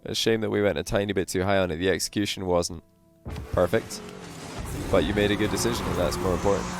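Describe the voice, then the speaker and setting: Low-voiced man coaching over soft music. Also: fast. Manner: relaxed coaching, frequent fillers. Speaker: game coach reviewing a replay. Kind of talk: casual replay commentary. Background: faint lo-fi background music.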